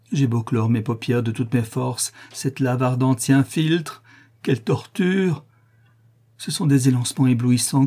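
A man voicing a delirious, tormented notary who cries out in shrill frenzy. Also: mellow, husky. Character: delirious raving male notary, tormented and feverish. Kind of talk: audiobook character reading.

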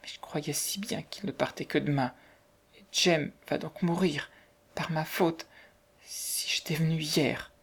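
A frightened young woman, put on by a storybook reader, speaks in a hushed, breathy half-whisper, quiet and a little raised in pitch. The voice has a gravelly edge at the bottom, and she sounds close to breaking. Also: fairly even intonation, a little slow. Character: young working woman in despair.

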